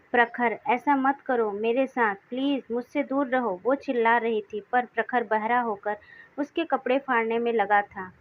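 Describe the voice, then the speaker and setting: A woman reading a dramatic story aloud in a scripted narration, voicing all characters in a mostly even manner. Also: a little high. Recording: dull lo-fi recording.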